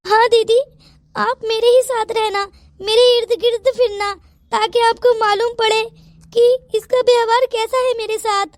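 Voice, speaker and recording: A voice actor playing a hoarse, scheming older mother-in-law in a Hindi cartoon story, complaining and pleading. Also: very high voice, level tone, a little slow. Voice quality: hoarse from a dry throat.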